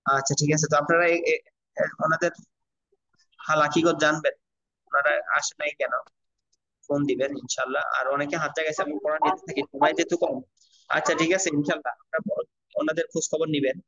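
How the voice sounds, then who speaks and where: Man teaching quran reading, kinda high voice, patient slow drilling, dull lo-fi sound. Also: steady tone, pushed and bright. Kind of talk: online class lesson. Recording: dull lo-fi audio.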